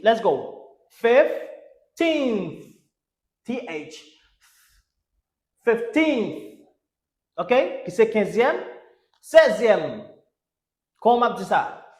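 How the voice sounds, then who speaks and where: A Haitian man teaches an English lesson at a slow, deliberate pace. He spells letters aloud and repeats each word three times for his students. His voice carries a noticeable echo from the room. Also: sits high. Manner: spells out letters and urges "let's go". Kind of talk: language lesson. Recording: echoey room.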